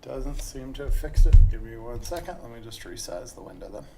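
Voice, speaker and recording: A man's voice: medium pitch, animated, brisk, creaky, loud music behind the voice. A man giving casual, chatty commentary while playing a video game. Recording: faint background noise.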